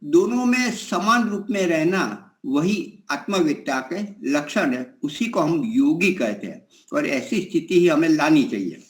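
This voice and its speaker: A man in his sixties giving a slow, reflective spiritual discourse, telling stories with pauses and fillers. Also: fairly high pitch, animated, reverberant. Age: 60s. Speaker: spiritual teacher.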